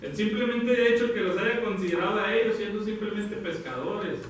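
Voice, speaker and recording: A high-voiced man preaches a sermon in a church hall, addressing the congregation as brothers and sisters and correcting himself as he goes. His voice is picked up from a distance and rings heavily around the room, with faint ambient noise behind him. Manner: addresses listeners as brothers, halting with self-corrections. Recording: very echoey hall, from far off.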